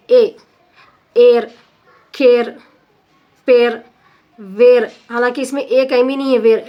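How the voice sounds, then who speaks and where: Slow, higher-pitched woman teaching. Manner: switches between slow careful English and quick Hindi asides, stretching example words. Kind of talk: exam-focused grammar lesson.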